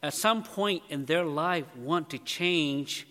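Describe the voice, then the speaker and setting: A man preaches a sermon at a very slow, deliberate pace, his voice falling quiet for solemn moments. His tone is bright and slightly high. Long reverb fills the large church around him. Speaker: pastor.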